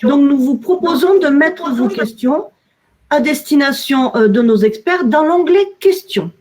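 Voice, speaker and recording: High-voiced woman with a southern French accent. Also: animated, a little mellow. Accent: southern French, Midi-Pyrénées. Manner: measured, with frequent "alors" and "euh". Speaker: webinar moderator, communications officer. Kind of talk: webinar introduction.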